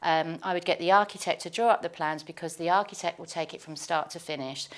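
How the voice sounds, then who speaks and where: A woman's voice: lowish voice, fast. A woman on a property panel, giving confident, practical advice. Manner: confident, practical, matter-of-fact. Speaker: property panel expert on France.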